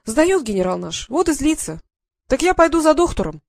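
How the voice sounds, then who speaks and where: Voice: sits high, sing-song, moderate pace, creaky, no room sound, clean studio sound, voice pushed up, full character voice. A reader voicing a talkative male scribe who gossips about his superior. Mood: gossipy.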